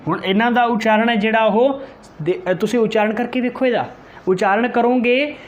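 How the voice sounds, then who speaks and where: A male teacher giving an exam-prep grammar lesson, repeating key terms, slowly sounding out example letters and answering his own questions. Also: sits high, fairly even intonation.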